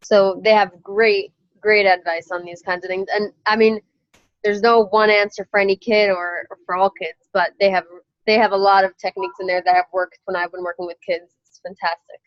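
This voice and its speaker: A woman student joining an online class discussion in a thoughtful, measured way. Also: mid-range voice, level tone, dry recording, lo-fi sound. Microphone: video call.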